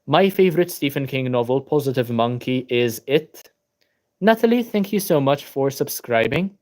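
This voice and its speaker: A tired young Maltese man, whose first language is Maltese, chats casually on a book channel livestream from his laptop at home, reading viewer comments and answering them. He speaks at medium pitch and normal speed, relaxed, with many ums, greeting viewers by name.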